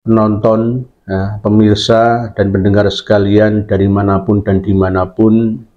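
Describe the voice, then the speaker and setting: A man speaks slowly in a low, flat tone as he delivers a ceremonial opening address. The recording sounds dull and muffled. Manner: measured, ceremonial. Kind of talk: formal address.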